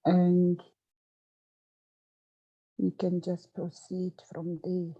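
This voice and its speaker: A woman giving a formal presentation over a video call, her voice slightly hoarse, polite and measured. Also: lowish voice, monotone, highs cut off. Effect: speaking over a video call. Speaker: guest speaker.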